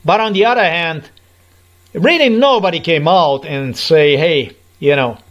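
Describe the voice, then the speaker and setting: Middle-aged man, slightly high voice, unhurried, aggrieved and insistent vlog monologue. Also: a bit bright, dull audio. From Slovenia. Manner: aggrieved, repetitive, emphatic. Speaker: vlogger. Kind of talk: personal monologue to camera.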